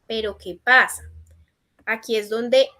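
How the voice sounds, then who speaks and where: High-voiced woman teaching an online class. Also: steady tone, slow pace, sharp tone. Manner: encouraging corrections in a patient teacherly tone. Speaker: English teacher. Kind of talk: online class, reading out student answers. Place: online session.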